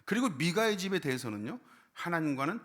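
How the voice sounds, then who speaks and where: A man delivers a Sunday sermon from a church sanctuary, pitched somewhat high for a man. His voice leaps up on key points and sinks low at the ends of phrases. He keeps putting rhetorical questions to the congregation. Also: sing-song, a little fast, a bit bright. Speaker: pastor.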